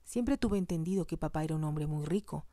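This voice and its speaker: A woman voicing a proud young heiress who speaks in a polite, soft and measured way. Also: deep voice, no echo, clean studio sound, close to an everyday voice.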